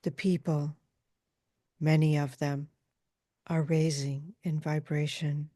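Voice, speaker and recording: A woman trance channeling a calm female spirit like a seance medium, speaking in formal, halting, measured pronouncements. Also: sits low, no room sound, studio quality. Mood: solemn, measured.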